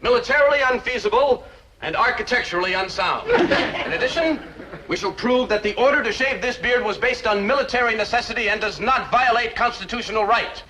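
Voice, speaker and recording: Pompous prosecutor, high voice, laughter and hiss behind. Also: male voice, a little fast. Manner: pompous, grandiloquent. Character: pompous army prosecutor officer. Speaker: army prosecutor. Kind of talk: 1960s sitcom acting.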